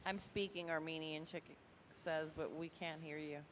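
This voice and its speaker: A co-host of a casual call-in show, dropping wry, deadpan quips. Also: mid-range voice, normal speed, a little hiss or hum.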